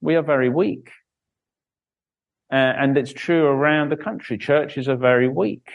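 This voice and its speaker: A man's voice: mid-range voice, measured pace, gravelly, lo-fi sound. A man reading scripture and preaching a sermon, with frequent "uh" fillers and stumbles over names.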